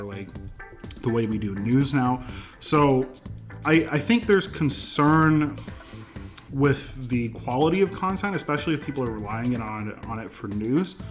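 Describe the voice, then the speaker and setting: A man casually explaining things in a halting way, often checking in with short tag questions. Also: mid-range voice. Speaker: teacher answering student questions.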